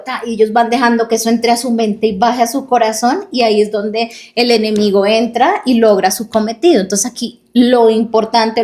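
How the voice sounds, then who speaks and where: A woman's voice: a little high, a little mellow. A woman co-hosting a casual faith podcast, telling stories earnestly and acting out the quoted dialogue in them. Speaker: podcast co-host.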